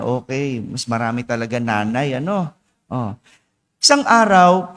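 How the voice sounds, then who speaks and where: A male priest giving a homily at morning mass, chatty and teasing the congregation with quick asides. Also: on the high side. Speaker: parish priest. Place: church. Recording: long church reverb.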